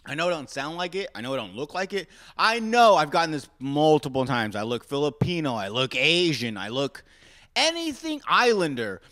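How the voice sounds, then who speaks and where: Podcast host, man from Arizona, bright tone, lively pitch; rambling and self-mocking. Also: moderate pace. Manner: rambling, self-mocking, talks straight to listeners. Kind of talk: casual solo podcast rant.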